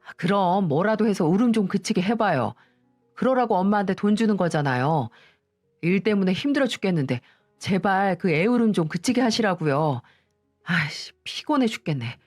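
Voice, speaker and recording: A woman's voice: mid-range voice, animated, moderate pace, a little mellow, no echo, natural voice. A woman voicing an irritable, ungrateful adult son who complains impatiently, in a dry recording with faint music behind. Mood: irritated.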